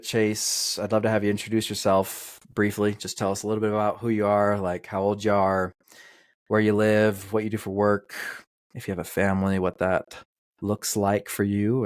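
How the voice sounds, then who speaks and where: A man's voice: on the low side, level tone, moderate pace, no echo. A male podcast host who reads an ad with enthusiasm and chats with a guest in a casual, upbeat way. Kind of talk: podcast interview and ad read.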